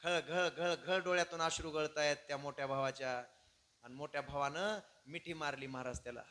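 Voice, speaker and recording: High bright-voiced kirtan preacher. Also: male voice, steady tone, fairly quick. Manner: dramatic, voices the characters with loud shouted cries. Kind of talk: devotional storytelling sermon.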